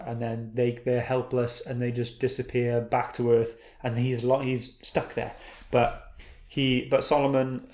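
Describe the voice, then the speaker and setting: A man's voice: medium pitch, a little mellow. A man casually reviewing a comic book, retelling the story in a meandering way and often correcting himself mid-sentence. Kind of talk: casual read-and-review chat. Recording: echoey room.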